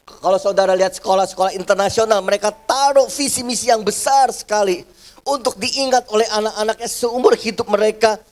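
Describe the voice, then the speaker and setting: A man's voice: high-pitched, brisk. A man pastor preaching a sermon to his congregation, calling them "brothers and sisters" and acting out the voices of people in his stories. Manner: addresses the congregation as "saudara" often, acts out quoted family voices. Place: church service.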